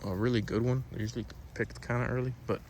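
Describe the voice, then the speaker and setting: Fast and fairly even in intonation, this man's mid-range, darkish voice narrates a casual vlog tour of his home fruit garden. Born in Cuba and raised in Miami, he speaks unscripted and conversationally outdoors, where ambient noise fills the recording.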